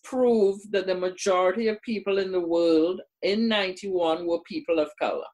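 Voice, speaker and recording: An older woman from Trinidad and Tobago, a community workshop presenter appearing as a guest, talks in a casual conversation with a lowish, darkish voice at a moderate pace. She speaks earnestly and repeats words for emphasis.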